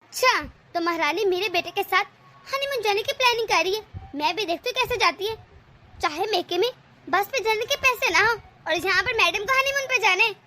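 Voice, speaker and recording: A woman's voice: extremely high pitch, sharp tone, heavily acted. A woman voicing a domineering, scheming middle-aged mother-in-law in a cartoon, scolding and sarcastic. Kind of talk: animated cartoon voice acting.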